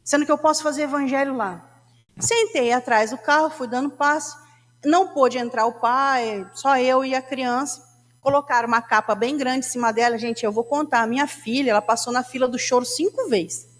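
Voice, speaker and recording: Brazilian woman lecturer, high-pitched, chatty anecdotal spiritist talk, reverberant hall. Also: normal speed. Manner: chatty storytelling, addresses audience as gente.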